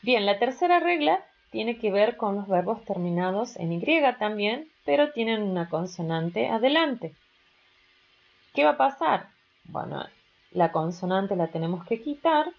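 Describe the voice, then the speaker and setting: Slow, patient woman teaching grammar. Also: mid-range voice, very animated, gravelly, lo-fi sound. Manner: slow, patient explaining with rising questions to students. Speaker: English teacher. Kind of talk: recorded grammar lesson.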